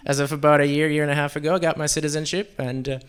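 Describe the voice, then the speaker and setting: A young man from Central Europe performing a self-deprecating stand-up set on a comedy club stage, with deadpan delivery and frequent fillers. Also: a little high, fast talker, background noise. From Czech Republic and Slovakia.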